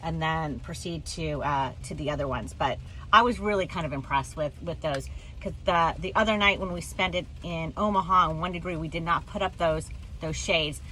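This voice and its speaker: A woman with a fairly low voice talks casually, as in a vlog, often repeating a phrase for emphasis. She is recorded inside a van in a hailstorm, with steady noise behind her. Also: moderate pace, rough recording. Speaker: van-travel vlogger. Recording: steady noise, vehicle ambience, hail outside. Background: vehicle ambience and hail.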